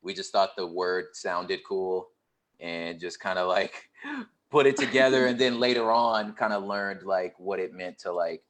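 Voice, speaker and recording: A man with a fairly low voice talks through a casual online panel. He is relaxed and unhurried, using lots of fillers as he explains his work as a poet and podcaster. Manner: relaxed and conversational, with many fillers and a laugh. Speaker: poet and hip hop artist, podcast host.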